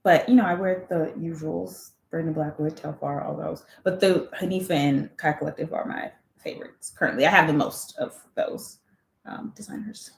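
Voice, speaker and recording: Woman co-host, casual chat, low pitch, roomy echo, laughs easily. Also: normal speed, vocal fry. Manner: chatty, laughs often while telling stories. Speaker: co-host of a live chat show.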